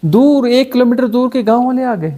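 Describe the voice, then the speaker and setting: A man teaching spiritual talk, posing rhetorical questions and giving animated mocking examples. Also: very high voice, normal speed. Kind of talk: satsang discourse.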